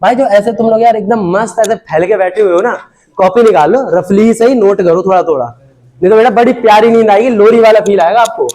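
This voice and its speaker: A man with a high voice teaches chemistry to a room of students. He jokes with them and keeps asking if they understood. His delivery stays casual and chatty throughout. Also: fast talker, dark tone. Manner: casual, joking, constantly checking if students understood. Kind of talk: classroom chemistry lesson. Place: classroom with students.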